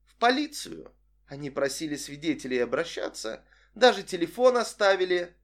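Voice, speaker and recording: A man reading an audiobook voices a manipulative young woman who speaks in a cool, flat, matter-of-fact way. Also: a little high, normal speed, pitched above the performer's own voice. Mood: insistent.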